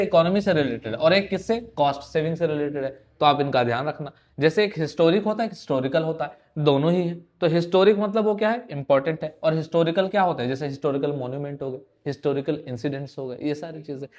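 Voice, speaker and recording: A man's voice: a little high, darkish tone, dull audio. A young man teaching an exam-prep grammar lesson, conversational and teasing, firing rhetorical questions at his students.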